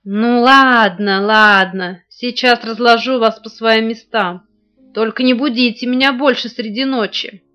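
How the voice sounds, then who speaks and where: Brief: woman playing sleepy little girl, high, slow, lo-fi with guitar. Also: steady tone. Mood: resigned. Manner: sleepy, drawn-out, loud. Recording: dull lo-fi recording, faint guitar.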